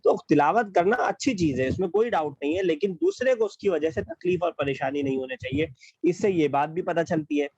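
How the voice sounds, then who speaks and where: A man's voice: on the high side, a little mellow, breathy edge, no room sound, muffled recording. A man teaching an online class, explaining patiently over a video call and repeating key phrases.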